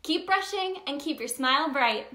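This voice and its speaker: Speaking directly to young listeners, a woman plays a cheerful Tooth Fairy hosting children's story time, her delivery animated and sing-song in a large, echoing room. Her voice is high-pitched and moves at a moderate pace, with a playful, wondering mood.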